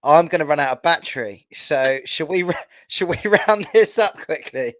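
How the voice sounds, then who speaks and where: Man, upbeat podcast co-host, higher pitch, dry close recording. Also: lively intonation, normal speed, a bit bright, no room sound. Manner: upbeat, cheerful, swears casually. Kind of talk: casual podcast chat.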